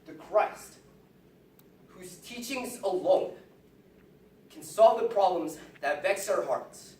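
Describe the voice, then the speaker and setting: Slow, echoey, fervent orator. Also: medium pitch, lively intonation, a little mellow. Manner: slow, emphatic, declamatory phrasing with dramatic pauses. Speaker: orator defending the Bible. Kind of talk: impassioned religious oratory, sermon-like speech. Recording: distant, echoey hall-like sound.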